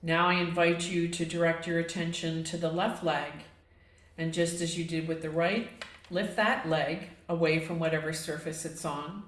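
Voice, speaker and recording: A woman with a slightly low, steady voice guides a meditation as a yoga instructor in an echoey room. She speaks gently and in a measured way, inviting listeners along with each instruction.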